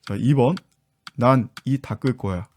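Mellow-voiced male English teacher. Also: mid-range voice, unhurried. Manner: patient, step-by-step explaining to viewers. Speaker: English teacher and book author. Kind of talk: online English lesson.

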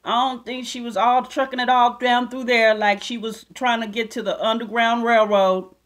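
A woman delivering a fiery vlog rant, mocking her critics one moment and preaching scripture the next. Her voice sits on the higher side for a woman, and her tone is combative and sure of itself. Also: flat delivery, normal speed, fairly bright tone. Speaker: self-styled prophetess vlogger. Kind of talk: ranting commentary and scripture reading.

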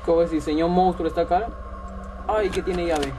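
A man's voice: high voice, fairly even intonation, moderate pace, noisy background. Jittery young man, nervous gaming commentary. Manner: jittery, frightened exclamations and muttering. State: voice trembling with fear. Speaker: gaming channel host. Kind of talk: horror game commentary.

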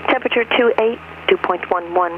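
A recorded airport weather broadcast heard over aircraft radio, reading numbers and runway instructions in a flat, clipped way. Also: mid-range voice, quick pace. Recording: tinny noisy radio in a cockpit.

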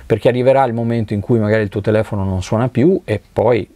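A man's voice: on the low side, fast talker, mellow, no echo. A middle-aged man from Italy, a session drummer, talking reflectively in an interview and searching for words as he goes. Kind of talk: relaxed conversational interview. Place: recording studio.

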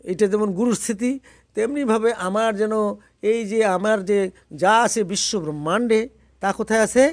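High-voiced man teaching. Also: no echo. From Bangladesh. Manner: explains by asking questions, then chants slowly. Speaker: religious teacher. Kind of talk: spiritual teaching to a group.

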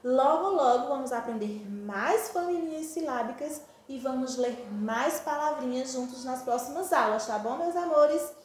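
A woman from northeastern Brazil teaching syllables to preschoolers in a slow, sing-song, affectionate way, stretching each syllable. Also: sits high, animated, a little hiss or hum. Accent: Brazilian Portuguese, Pernambuco. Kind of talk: slow, sing-song phonics lesson for small children. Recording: very echoey room.

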